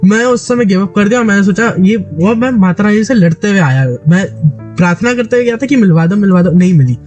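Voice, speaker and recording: A man's voice: sits high, a little fast, darkish tone, lo-fi sound, faint music behind. A man from Delhi with a sore, dry throat, animatedly telling a story to a friend in casual chat, with many restarts. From Delhi, India. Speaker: gaming YouTuber.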